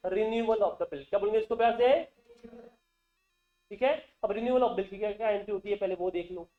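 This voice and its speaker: Man teaching, quizzing his class. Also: high voice. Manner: quizzes the class with call-and-response questions. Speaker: accountancy teacher. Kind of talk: classroom lecture. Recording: dull, roomy classroom recording.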